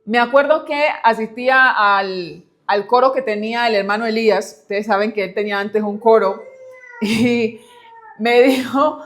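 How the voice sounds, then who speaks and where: Woman, somewhat high voice, church speaker; chatty, laughing, talks straight to the congregation. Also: a little slow, faint music behind. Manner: chatty, laughs often, addresses the congregation as brothers. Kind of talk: church teaching talk.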